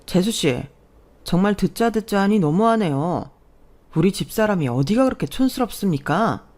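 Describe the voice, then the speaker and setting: A woman's voice: mid-range voice, animated, normal speed, darkish tone, close to an everyday voice. A woman voicing a husband who firmly and politely rebukes his sister-in-law in a read-aloud story. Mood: reproachful. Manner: firm, reproachful.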